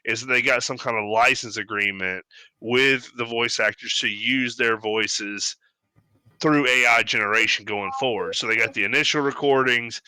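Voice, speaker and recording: A man's voice: mid-range voice, sharp tone, clear, resonant tone, no room sound, low-quality recording. A man co-hosting a podcast, talking casually and animatedly, swearing freely and mimicking other people's voices when he tells stories. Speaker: podcast co-host. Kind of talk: casual chat.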